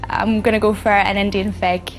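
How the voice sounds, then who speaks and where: A woman in her twenties, a quiz contestant, reasoning her answers aloud with thoughtful pauses. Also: medium pitch, level tone. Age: 20s. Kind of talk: game show answers and chat.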